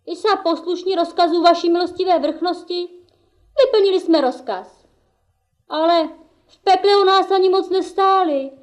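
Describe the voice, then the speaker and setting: A woman's voice: very high voice, fairly even intonation. A woman playing a cheeky, impish jester boy puppet with mocking, playful banter in a puppet theatre play.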